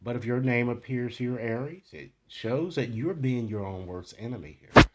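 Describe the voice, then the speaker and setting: In dull, very noisy audio, a man with a mid-range voice talks at a normal speed. He's a tarot card reader hosting a casual, improvised reading aimed at the viewer, regularly checking in with short tag questions.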